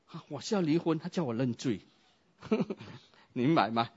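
A man preaching a sermon, telling a story and acting out its dialogue with lively shifts. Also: medium pitch, a little slow, husky, dull audio. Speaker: pastor.

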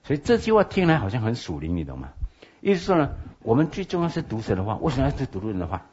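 A man's voice: mid-range voice, huge pitch swings, fast, background noise. A man who is a pastor, teaching a lecture on logical fallacies, often checking in with his listeners. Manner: asks listeners for assent with frequent OK. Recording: dull lo-fi lecture recording.

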